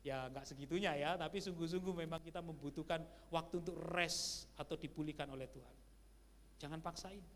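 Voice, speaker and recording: Male pastor, sermon, slightly high voice, chatty asides, long church reverb, faint hum. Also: a little fast. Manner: conversational, lively preaching with asides to the congregation. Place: church sanctuary.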